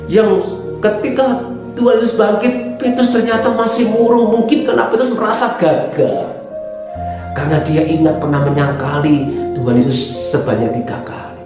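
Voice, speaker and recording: A woman with an Indonesian accent tells a Bible story to children, her pitch rising and falling as she quizzes them. Her voice rings out in a very echoey room with music playing underneath. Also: moderate pace. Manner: animated, asks the children questions. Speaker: Sunday school teacher.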